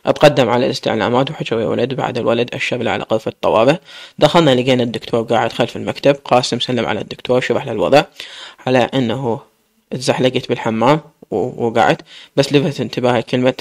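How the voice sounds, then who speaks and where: A man with an Iraqi accent reading a serialized story aloud in a brisk, steady storytelling voice. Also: medium pitch, gravelly.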